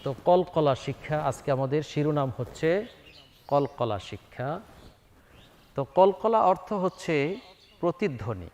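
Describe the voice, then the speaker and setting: A man teaching Quran reading, drilling Arabic letters and sounds and chanting each syllable louder and higher. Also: animated, measured pace, long pauses.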